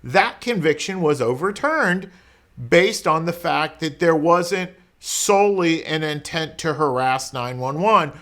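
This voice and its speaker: Talking to camera in a conversational explainer, this man, a criminal defense lawyer, breaks down legal points casually and leans on rhetorical questions. His voice is a little high and fairly bright, lively in intonation and slightly slow.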